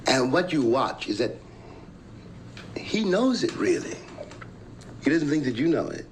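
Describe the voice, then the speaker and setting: Measured man in an archival TV conversation. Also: medium pitch, very animated, poor audio. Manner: measured, searching for words. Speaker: interview guest. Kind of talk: thoughtful televised conversation. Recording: archival broadcast with faint noise.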